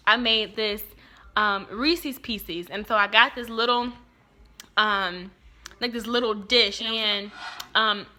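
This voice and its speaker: A young woman in her twenties hosts a cooking show and tells stories in a loose, chatty way, stringing thoughts together with plenty of fillers. Her voice is bright and crisp and sits a little high. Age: 20s. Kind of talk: casual storytelling.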